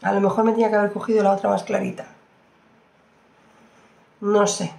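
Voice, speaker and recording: A woman's voice: medium pitch, flat delivery, brisk, vocal fry, warm tone, reverberant. A woman doing a casual makeup review, chatty and exclamatory, often repeating her phrases. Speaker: beauty vlogger.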